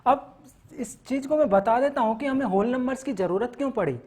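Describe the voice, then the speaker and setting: A man's voice: very high-pitched, brisk, darkish tone. A man teaching maths in a classroom lecture, walking through topics step by step and often checking in with his students. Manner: frequent "theek hai na" check-ins, mixes English terms; explains step by step, listing topics.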